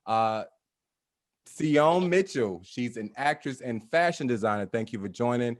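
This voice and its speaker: A man's voice: medium pitch, animated, a little slow, dry recording, studio quality. A man hosting a live talk show, introducing guests in a loose, upbeat way with casual slang. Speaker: host.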